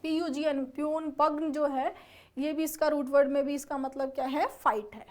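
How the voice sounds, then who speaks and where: Speaking at a moderate pace with a high voice and fairly even intonation, a woman gives an exam-prep English lesson. She spells words letter by letter, explains them in steps, and often checks whether her students follow.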